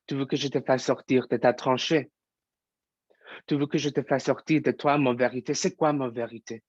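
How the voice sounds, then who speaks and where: A man's voice: mid-range voice, steady tone, moderate pace, a little mellow, no echo, dull audio, close to an everyday voice. A young man acting a frustrated young actor in a stage monologue, firing off urgent, agitated questions. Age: young adult. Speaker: student actor.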